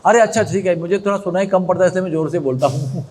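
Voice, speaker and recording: A man playing a frail, elderly male devotee who is hard of hearing and speaks loudly and plaintively. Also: high voice, fast talker, natural voice.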